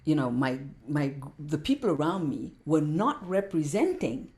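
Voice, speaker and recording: Low, mellow-voiced woman talking passionately. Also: very animated, a little slow. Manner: passionate, repeats words for emphasis. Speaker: podcast guest, meditation teacher. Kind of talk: casual interview talk.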